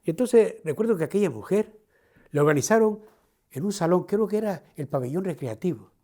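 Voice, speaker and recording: On a theatrical walking tour, an actor with a Canarian accent plays a proud older Canarian man, telling his life story in the first person straight to the audience. He's a lively storyteller with a high, brisk voice and a proud tone.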